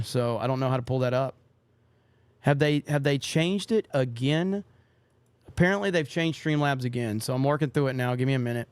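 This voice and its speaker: A young man with a medium-pitched, smooth voice hosts a casual livestream podcast, reading donations from viewers and swearing casually. There's no room sound.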